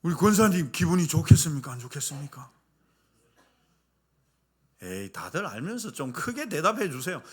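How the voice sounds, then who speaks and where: A male pastor preaching a sermon with humorous stories, animated and questioning the congregation. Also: fairly high pitch, moderate pace, pauses often, slightly rough.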